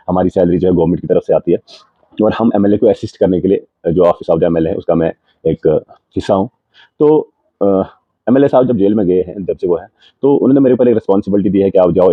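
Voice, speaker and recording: A man's voice: low voice, husky, no room sound. A man with a Jammu and Kashmir accent, working as a politician's personal assistant, gives a statement to the press and recounts events step by step. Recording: tinny phone-like line, dry.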